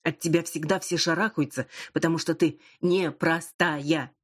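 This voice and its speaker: A woman reading an audiobook, voicing a teasing, sharp-tongued young woman friend. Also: sits low, steady tone, normal speed, husky. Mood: bitter resentful. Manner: mocking, cheeky, then bitter. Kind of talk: audiobook character voice.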